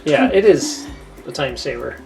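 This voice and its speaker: A woman's voice: deep voice, sing-song, a little slow, vocal fry, darkish tone, faint music behind. A woman hosting a cooking video from her home kitchen, chatting in a rambling, storytelling way as she cooks. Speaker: cooking channel host. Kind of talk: casual chat while cooking.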